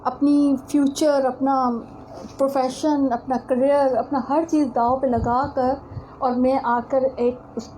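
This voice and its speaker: A high, mellow-toned woman gives a religious lecture. She tells stories from her own life in an earnest way and keeps turning to her audience as she speaks. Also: flat delivery, slight background noise, low-quality recording. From Pakistan. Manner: earnest, storytelling, addresses listeners directly. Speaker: religious teacher. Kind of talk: religious lecture with personal anecdote.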